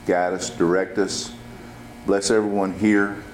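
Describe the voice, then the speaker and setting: A man's voice: deep voice, level tone, unhurried. A man, a county commissioner, leading a public prayer at a meeting. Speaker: county commissioner giving an invocation. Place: indoor county meeting room. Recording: echoey meeting room, faint noise.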